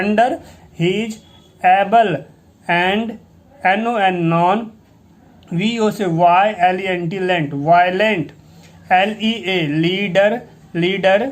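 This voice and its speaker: A male English teacher giving a reading lesson, spelling out each word letter by letter and repeating it patiently. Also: sits high. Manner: spells words out letter by letter, drawing syllables out slowly.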